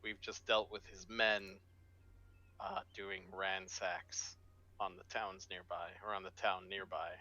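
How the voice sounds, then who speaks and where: A man's voice: low voice, level tone, takes it slowly, pushed and bright. A man playing a tabletop game, talking casually and laughing between lines. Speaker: player. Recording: dull lo-fi microphone.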